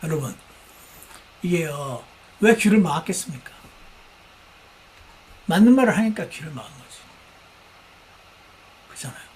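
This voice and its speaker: A man preaching a sermon as pastor of a church, animated, acting out the people he describes. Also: fairly high pitch, moderate pace, pauses often. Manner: animated, acts out quoted speakers, mimics shouting.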